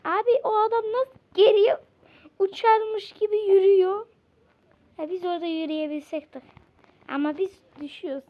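Young woman, very high voice, excitable, repeats words, casual game-play chat, faint background noise. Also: lo-fi sound. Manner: excitable, repeats words in bursts, yelps when startled. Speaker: gamer playing with a friend.

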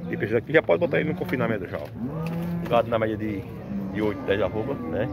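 Over loud music, a gravelly, fairly low-voiced man from Northeast Brazil talks expressively and at a quick pace while vlogging a casual cattle-market walkthrough. He's a chatty farmer filming on a handheld phone, sprinkling in "né" and "pessoal." Outdoor sounds of cattle and vehicles come through too.

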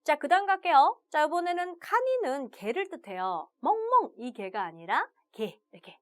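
Lively high-pitched woman teaching. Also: normal speed. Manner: upbeat, starts phrases with "자". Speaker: Japanese language teacher. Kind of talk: video lesson.

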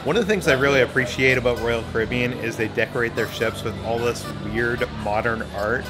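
Easygoing male co-host, mid-pitched, relaxed explainer, music behind. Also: fairly quick. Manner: relaxed, explanatory, light humor. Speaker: travel vlog co-host. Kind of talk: casual chat and voice-over narration.

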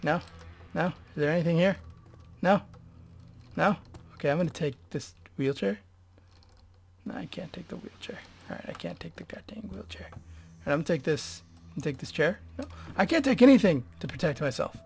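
A man's voice: a little high, normal speed, creaky, pauses often, a little hiss or hum. Jumpy, nervous man gaming. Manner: jumpy and nervous, swears, drops to whispers. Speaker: gamer playing a horror game. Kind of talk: let's play commentary. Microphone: desk microphone.

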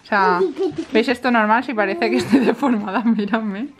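A woman in her twenties with a Spain Spanish accent chats casually and exclamatorily on a family vlog, speaking at normal speed in a slightly high voice. She's indoors in a bedroom at home, holding the camera at arm's length, and this handheld home video has clear background noise.

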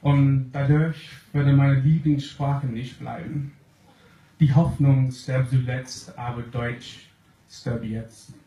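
A man's voice: mid-range voice, level tone, warm tone. A young man from England with an English accent, speaking a second language and reading a comic slam poem from a sheet on a club stage. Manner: reads from a sheet, slow and deliberate. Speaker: poetry slam performer. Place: small club stage with audience. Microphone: stand mic, filmed from the crowd. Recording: roomy club audio, faint noise.

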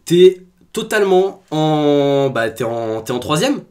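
A man hosting a casual call with his fans, excitable and teasing, joking and then taking it back, with sudden shouts. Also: fairly high pitch, takes it slowly, clean tone. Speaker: YouTuber host calling subscribers. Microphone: computer mic on a voice call.

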